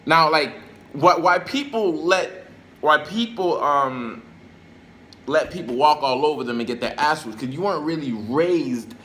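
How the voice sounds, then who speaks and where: An American self-help video creator from Brooklyn and Florida gives a casual motivational monologue to camera, using streetwise slang and repeating phrases for emphasis. His voice is fairly high, animated, unhurried and a bit bright.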